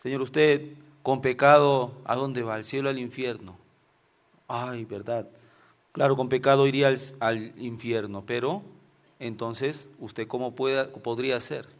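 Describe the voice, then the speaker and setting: Telling personal anecdotes in an informal sermon, this man from Venezuela speaks with a Venezuelan Spanish accent and tends to close phrases with tag questions. He keeps a medium pitch, a steady tone and a measured pace.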